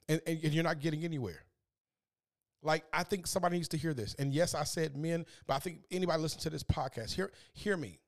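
A man hosting a podcast, giving an earnest, preachy, faith-based motivational talk and repeating words as he gets fired up. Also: fairly high pitch. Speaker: podcast host.

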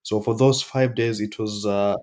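A Kenyan man speaks as a podcast guest, telling his story with many restarts and fillers. His voice sits low and stays flat, with little rise and fall. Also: normal speed. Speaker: startup founder guest. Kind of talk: casual podcast interview.

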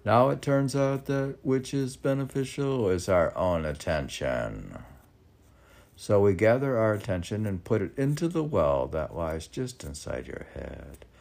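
Low-pitched and a little mellow, with vocal fry, a man reads his own poems. Now and then he slips into meandering, reflective asides, almost speaking to himself.

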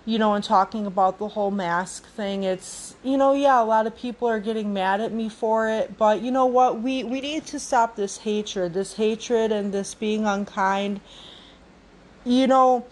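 Slow, reflective woman in her twenties. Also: mid-range voice. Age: 20s. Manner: slow, reflective, many fillers and restarts. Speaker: podcast host. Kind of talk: casual solo podcast talk.

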